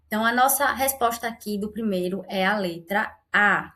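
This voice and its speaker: A woman's voice: medium pitch, normal speed, sharp tone. A woman teaching an online grammar lesson, explaining patiently and often checking in with her viewers.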